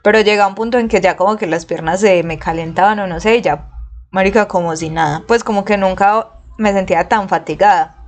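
A woman's voice: mid-range voice, brisk. A young woman with a Colombian accent, telling a personal story in casual, slangy talk and acting out the quotes. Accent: Colombian Spanish. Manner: slangy, animated, acts out quotes.

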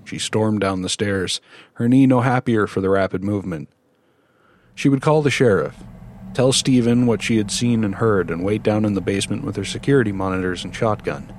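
A man reading a horror story aloud with steady, measured narration. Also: on the low side, slight background noise.

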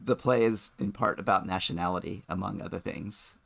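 A man's voice: deep voice, fairly quick, creaky, a bit bright, no echo. A man co-hosting a podcast, talking things through thoughtfully and often restarting his sentences. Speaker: podcast co-host. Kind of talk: casual chat.

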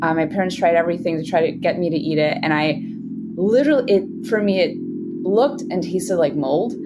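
A woman's voice: lowish voice, fairly quick. A woman from Switzerland, casually telling a personal story. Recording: loud music behind the voice. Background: loud guitar music.

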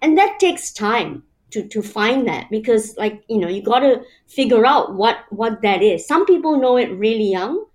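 Slightly high, expressive and a little mellow, this Malaysian woman speaks at normal speed with few pauses. As an interview guest she reflects casually, working through her ideas in numbered steps full of "you know" fillers.

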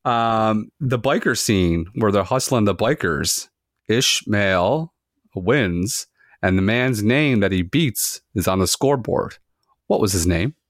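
A man's voice: lowish voice, animated, takes it slowly, no room sound, clean studio sound. A man hosting a casual podcast, reading out trivia questions and multiple-choice options to his friends and swearing freely. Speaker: podcast host running trivia quiz.

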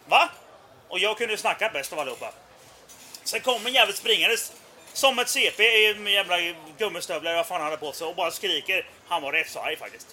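A man's voice: high-pitched, lively intonation, sharp tone. A man in his thirties telling a rambling, profane, self-mocking anecdote in casual chat. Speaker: podcast storyteller.

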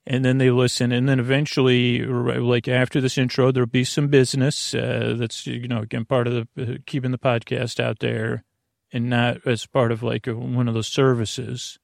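A man mumbles a halting, digressive, meandering monologue as the bedtime storyteller on a sleep podcast, his voice creaky. His pitch is medium and his tone level, in clean studio sound without room sound.

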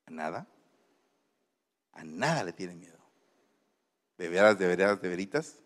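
A man's voice: deep voice, animated, measured pace. A man, preaching to a congregation and teasing them with questions. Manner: playful, teasing, coaxing questions. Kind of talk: interactive sermon with congregation. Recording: long hall reverb.

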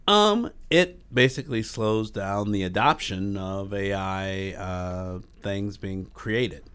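A man's voice: lowish voice, slow, a bit bright, clean tone. A man giving casual, plain-spoken opinions as a podcast commentator.

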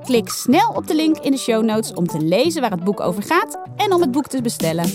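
A woman reading a children's story aloud in a lively, expressive way. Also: fairly high pitch, brisk, music in the background.

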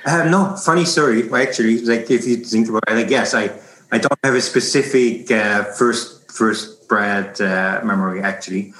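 A German bread-baking instructor in his forties, speaking with a German accent, talks casually in an interview about life as a baking teacher, rambling and restarting often. His voice is lowish and a bit bright at a moderate pace. The recording is rough, with a roomy sound.

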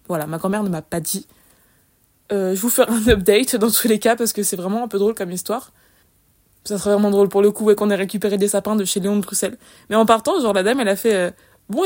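A young woman hosting a podcast, telling casual stories in a chatty, lively, slangy way with many fillers. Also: mid-range voice. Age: young adult. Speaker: podcast host. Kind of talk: casual solo storytelling.

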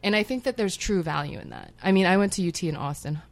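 A woman's voice: lowish voice, expressive, quick pace, dry recording. A woman in her thirties who grew up in Hong Kong, chatting as a podcast guest in a wry, self-mocking way and swearing freely. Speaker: guest writer. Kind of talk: casual podcast chat.

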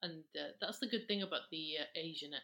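A woman in her thirties with a low, gravelly voice chats as co-host. She talks in a relaxed way and often repeats words while she works out what to say. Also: brisk. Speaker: podcast co-host. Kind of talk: casual chat about skincare.

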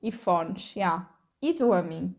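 A woman's voice: lowish voice, lively intonation, takes it slowly. A young adult woman with a European Portuguese accent hosts a casual, slangy chat with her younger brother, teasing him as she goes. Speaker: host.

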